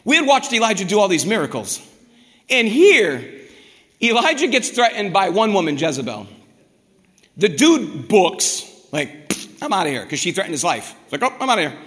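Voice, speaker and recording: A man preaches with a high, bright voice, animated and conversational, slipping into quoted prayers as he goes. His sermon rings out through a large hall with a long, trailing reverb. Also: moderate pace. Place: church hall.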